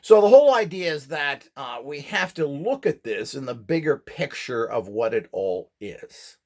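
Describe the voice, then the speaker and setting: Hosting his how-to video series, a middle-aged instructor gives a loose, opinionated talk off the cuff, sounding blunt, scornful and emphatic. He speaks animatedly at a moderate pace, with a medium-pitched, slightly mellow voice.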